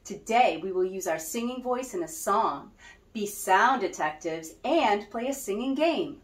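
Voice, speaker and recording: A woman's voice: mid-range voice, animated, measured pace, a little hiss or hum. A woman music teacher leading a children's lesson, cheerful and guiding with call-and-response. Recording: roomy echo.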